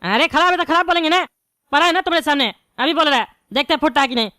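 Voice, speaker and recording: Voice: high voice, expressive, racing, music in the background. A voice actor playing a bald, hot-tempered male politician in a cartoon, given to angry, threatening rants. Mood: blustering. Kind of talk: cartoon voice acting.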